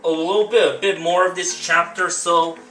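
A man's voice: sits high, steady tone, moderate pace, bright, forceful tone. A man hosting a game playthrough, reading the on-screen text aloud with small stumbles and chatting between passages, recorded on a camcorder. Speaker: let's play host. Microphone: camcorder microphone. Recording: roomy, distant camcorder with background noise.

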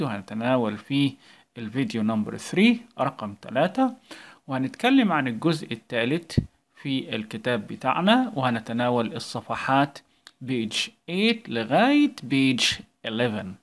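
A man's voice: medium pitch, big pitch swings, a little fast. A male English teacher with an Egyptian Arabic accent, giving a recorded lesson to young children and calling out words for them to repeat. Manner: coaxing, calls out English words for the class to repeat.

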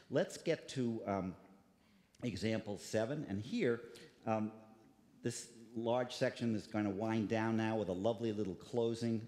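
A man's voice: lowish voice, a little mellow. A man lecturing on music who scats rhythms aloud to illustrate and often restarts his words, speaking in a concert hall. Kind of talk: lecture with live musical examples. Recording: echoey concert hall with long reverb.

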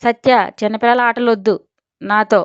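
A woman's voice: a little high, steady tone, normal speed, clear, resonant tone, no echo, lightly acted. A woman voicing a domineering, haughty wealthy mother with a commanding manner. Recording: dull lo-fi audio.

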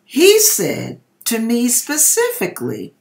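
Her slightly high voice swoops wildly in pitch, slow and darkish, with vocal fry. A middle-aged American host in a home kitchen, she reads viewers' dream accounts with theatrical emphasis, drawing out words as she speaks to the camera.

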